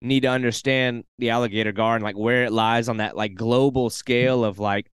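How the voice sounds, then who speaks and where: Smooth-voiced male podcast host. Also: mid-range voice, fairly even intonation, a little fast, no room sound. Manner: enthusiastic, earnest, with filler "like". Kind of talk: casual chat.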